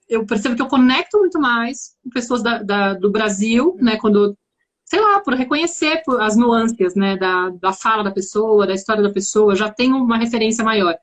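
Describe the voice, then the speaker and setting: Reflective São Paulo woman, slightly high voice. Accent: São Paulo Brazilian Portuguese. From São Paulo, Brazil. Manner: reflective, searching for words with many restarts. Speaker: guest. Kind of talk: casual conversation.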